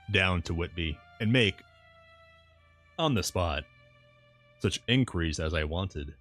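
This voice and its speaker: A man reading a classic novel aloud as a streamer, in audiobook-style narration with measured, deliberate phrasing. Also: deep voice. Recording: music playing behind the voice. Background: background music.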